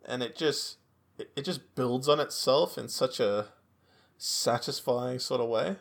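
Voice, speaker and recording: Aussie guy cohosting a podcast, bit of gravelly fry in his voice, casual stories. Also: medium pitch, a little slow. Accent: Australian. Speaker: podcast co-host. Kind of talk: casual chat, anecdotes.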